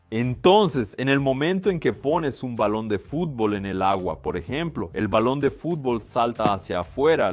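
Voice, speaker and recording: Casting: male science-channel host, mid-pitched, easy explainer style over faint music. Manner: explains with rhetorical questions and everyday examples. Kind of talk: explainer narration.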